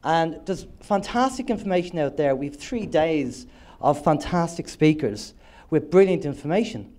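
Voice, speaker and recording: With a bit of cold-induced nasality, a man who co-hosts an internet radio show in Ireland presents to a live conference audience, chatting and joking. His voice is a little high, expressive, and a little mellow, delivered at normal speed.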